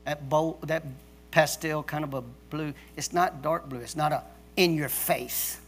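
A middle-aged man preaching a sermon as pastor, emphatic, with pauses and restarts. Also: fairly high pitch, fairly even intonation, a little hiss or hum.

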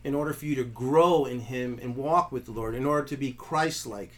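A man's voice: medium pitch, brisk. A man, a pastor co-hosting a podcast, talking through theology in an earnest, casual way with frequent restarts. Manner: earnest, restarts often, affirms the other.

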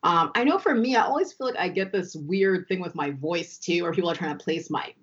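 A woman's voice: on the low side, lively intonation, a little fast, slightly rough, highs cut off. A woman from Maryland, a podcast guest chatting casually and thinking aloud with lots of fillers. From Maryland, USA. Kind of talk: casual chat.

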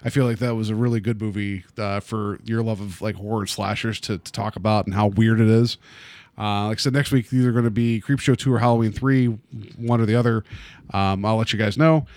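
A man's voice: fairly low pitch, steady tone, a little fast, darkish tone, no echo. A man hosting a casual podcast, joking with his guest, laughing often and restarting his sentences. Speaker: podcast host.

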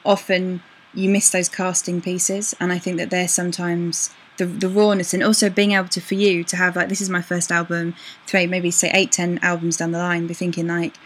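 A woman interviewer talking in a chatty, gushing way that is quick to laugh. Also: on the low side, little pitch movement, fairly bright tone, a little hiss or hum, poor audio. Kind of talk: casual interview chat.

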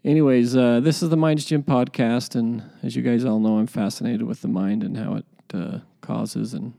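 Mellow, gravelly male podcast host. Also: medium pitch, steady tone, normal speed. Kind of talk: casual, rambling podcast talk.

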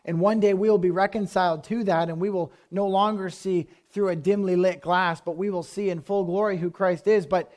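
A man gives a sermon in a fairly high voice. He speaks to his congregation in an easy, conversational way and then presses his points with firm emphasis. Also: steady tone, brisk, few pauses. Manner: conversational preaching that rises to forceful emphasis. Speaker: pastor.

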